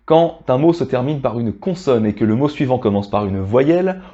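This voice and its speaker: A man calmly explaining pronunciation rules to learners, slowing down on the example words. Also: medium pitch, highs cut off. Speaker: French teacher.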